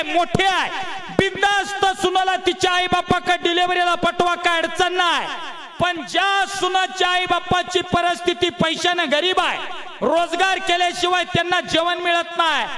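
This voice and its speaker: A man giving a comic folk sermon, loudly teasing the crowd and calling on them to answer back. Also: very high-pitched. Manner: loud, teasing, calls out to the audience and demands answers. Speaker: folk devotional preacher.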